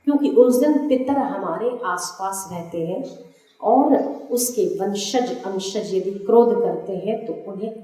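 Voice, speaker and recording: Slow, didactic woman, very echoey hall. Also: medium pitch, a little mellow. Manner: slow, didactic, repeating lists for note-taking. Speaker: spiritual teacher. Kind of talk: religious discourse to an audience.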